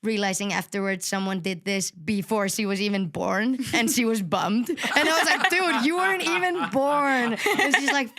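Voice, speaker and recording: A woman's voice: a little high, normal speed, few pauses, bright, forceful tone. A young woman hosting a podcast, talking enthusiastically and swearing casually. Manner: enthusiastic, swears casually, says "sick" a lot. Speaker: podcast host.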